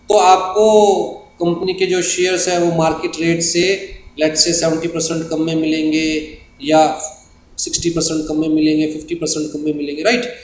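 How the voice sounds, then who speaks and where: Indian man teaching, slightly high voice. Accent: Indian English. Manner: explains terms patiently, slows down when reading definitions. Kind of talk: recorded exam-prep lecture. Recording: echoey room with faint hiss.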